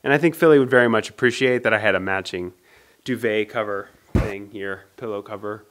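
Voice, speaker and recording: A man hosting a vlog in a casual, playful way, slowly sounding out odd names. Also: lowish voice, fairly bright tone. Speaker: vlog host. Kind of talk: casual chat.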